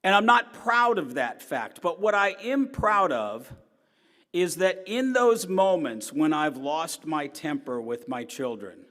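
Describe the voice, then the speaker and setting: A middle-aged newspaper columnist with a loud, strong, somewhat high and sing-song voice lectures slowly to an audience in a large hall. He shares personal stories earnestly, climbing to emphatic points and sinking into quiet asides. The recording carries a long hall reverb.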